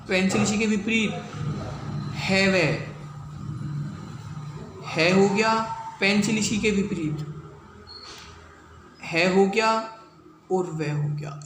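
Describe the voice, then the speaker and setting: Man, high voice, slow careful lesson, echoey room, faint background hum. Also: fairly bright tone. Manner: slow, calls students "bhaiya" and "bhai". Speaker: shorthand teacher. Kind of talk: step-by-step lesson, reciting syllables.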